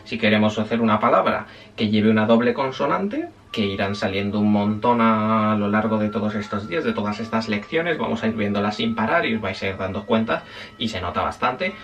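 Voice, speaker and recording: A man's voice: fairly low pitch, a little fast, fairly bright tone, far from the mic, lo-fi sound, soft background music. A man teaching a casual spoken language lesson, chatty and self-correcting, often checking in with his listeners.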